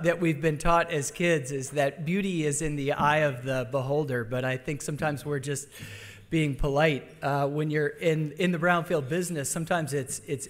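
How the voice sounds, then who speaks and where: A man from Denver giving a conference luncheon speech, halting with restarts and fillers. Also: a little high, fairly bright tone. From Denver, Colorado. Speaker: conference speaker. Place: large conference hall. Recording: long hall reverb.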